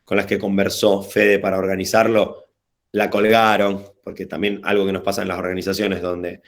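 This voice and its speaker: Man, Rioplatense accent, lowish voice, relaxed slangy workshop talk, video call. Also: moderate pace. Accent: Rioplatense Spanish. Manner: casual, digressive, slangy, hesitant restarts. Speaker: workshop facilitator. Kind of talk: informal online workshop talk.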